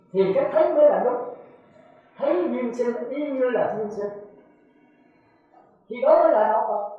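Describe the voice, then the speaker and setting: A man, a Buddhist monk, giving a dharma talk with emphatic rhetorical questions to his listeners. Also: sits high. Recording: echoey, phone-like lo-fi recording.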